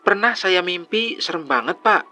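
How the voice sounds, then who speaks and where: A man's voice: high-pitched, animated, normal speed, sharp tone, faint music behind, pitched above the performer's own voice, heavily acted. A man voicing a young male worker at a tourist site, chatty and easily frightened, in a storytelling dialogue. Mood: scared.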